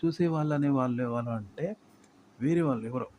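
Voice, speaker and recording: A man's voice: mid-range voice, fairly quick, a little mellow, a little hiss or hum. A man giving informal advice, asking rhetorical questions and using plain folksy examples. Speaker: YouTube advice teacher. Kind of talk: informal tutorial talk.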